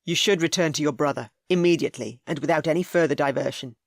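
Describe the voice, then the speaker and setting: A woman voicing a reserved, brooding duke in a romance audiobook, speaking firm and measured. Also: low voice, no echo, clean studio sound.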